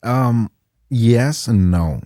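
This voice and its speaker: A young man who owns a game store chats as a guest in a casual interview, a native Spanish speaker with a Mexican Spanish accent who searches for English words. His medium-pitched voice is warm and expressive, with drawn-out words, captured as clean studio sound with no room sound.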